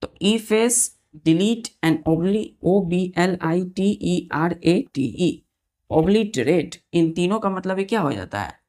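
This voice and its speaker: A woman teacher with a slightly low-pitched voice drills English vocabulary for exam students. She spells each word letter by letter, repeats its meaning several times and keeps asking the children whether it is clear. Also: lively intonation, slow, warm tone. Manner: asks the children questions and checks they follow.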